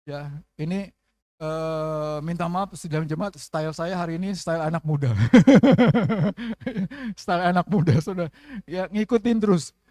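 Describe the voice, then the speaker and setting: Seorang pendeta pria paruh baya berkhotbah dalam ibadah gereja, sering bertanya kepada jemaat. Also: male voice, fairly high pitch, moderate pace, darkish tone, no room sound, studio quality. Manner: preaching with call-and-response questions and acted prayers. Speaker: pastor. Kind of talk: sermon. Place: church service.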